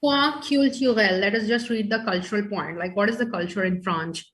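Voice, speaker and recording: A woman's voice: medium pitch, normal speed. A woman teaching French over a video call, explaining each phrase in English and quizzing her students. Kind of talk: online class teaching.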